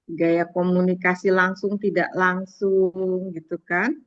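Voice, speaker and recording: A woman moderating a casual group discussion and checking who has spoken, brisk and chatty. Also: on the low side, flat delivery. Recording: dull lo-fi audio.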